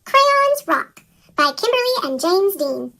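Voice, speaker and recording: Chipmunk-pitched storybook reader, squeaky and bright. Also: big pitch swings, slow pace, creaky. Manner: sing-song rhyming read-aloud. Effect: pitch-shifted chipmunk voice. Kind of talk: children's picture book read-aloud.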